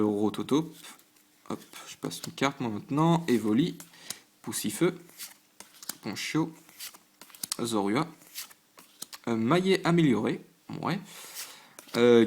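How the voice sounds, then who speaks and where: A man's voice: mid-range voice, darkish tone. A man hosting his own channel, talking casually to camera at a desk at home, listing items one after another with short reactions, often stumbling and restarting with fillers. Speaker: channel host opening trading card packs. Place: at home at a desk under a lamp.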